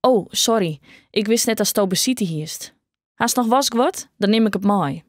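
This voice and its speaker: A fussy middle-aged aunt with a Frisian accent hurries out an apology, voiced by a woman narrator. Her voice is mid-pitched and sounds dry and close, as in a storybook. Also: expressive, unhurried, dry recording. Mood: apologetic.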